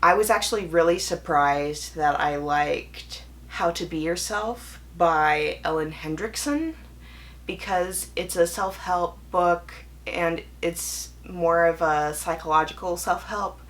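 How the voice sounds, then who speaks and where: A young woman who reviews books and hosts videos talks casually and candidly in a chatty vlog monologue, correcting herself as she goes and mimicking imagined voices. Her voice is lowish and a bit bright, and she takes it slowly.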